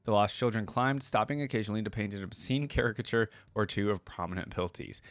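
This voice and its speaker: A YouTube host reacts to game lore, switching between reading passages aloud and dropping casual conversational asides. His voice is fairly low and quick, with no echo.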